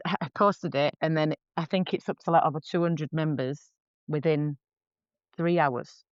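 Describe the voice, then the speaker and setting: A woman in her 40s, a face painter appearing as a podcast guest, talks candidly in a deep voice at a normal pace. She's chatty and frank, often restarting her sentences. The lo-fi podcast audio sounds dull and dry, with no echo.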